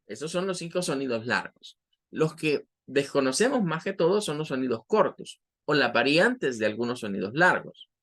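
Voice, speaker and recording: A man's voice: medium pitch, big pitch swings, moderate pace, a bit bright. A man with a Salvadoran Spanish accent teaching English vocabulary, patiently explaining pronunciation step by step and repeating sounds.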